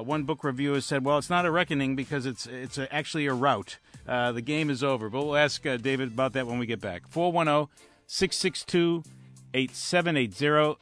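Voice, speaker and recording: A male radio talk show host, speaking in a measured way, with occasional uh's and restarts. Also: medium pitch, fairly bright tone. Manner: measured, hesitant with fillers.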